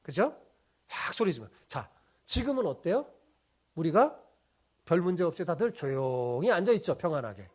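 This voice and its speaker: Animated Korean pastor preaching. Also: male voice, on the high side, moderate pace, pauses often, husky. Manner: asks the congregation questions and answers them; keeps checking in with a tag question. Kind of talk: sermon.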